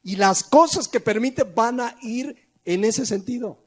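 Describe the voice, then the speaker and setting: A man preaching a sermon as a pastor in a church, asking his listeners rhetorical questions and dropping his voice low at the ends of phrases. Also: unhurried. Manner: preaching with rhetorical questions and sudden drops in volume.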